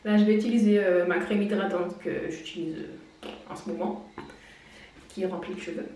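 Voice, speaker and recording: A woman's voice: fairly low pitch, fairly even intonation, a little fast, dark tone, slight background noise. A woman giving a casual hair-care tutorial, chatty and explanatory, and now and then she laughs at herself. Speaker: beauty vlogger. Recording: very echoey room, distant mic.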